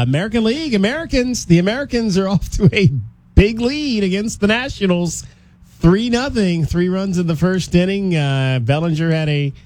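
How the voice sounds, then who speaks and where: A man's voice: a little high, darkish tone, no room sound. A man hosting a sports broadcast, interviewing guests and commenting in a conversational way.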